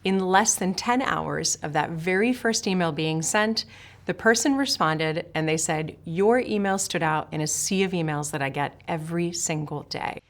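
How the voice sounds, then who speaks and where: A Swiss woman who works as a sales trainer speaks in a lowish voice at a moderate pace. She delivers a scripted lesson directly to camera, addressing the viewer in a direct, emphatic style.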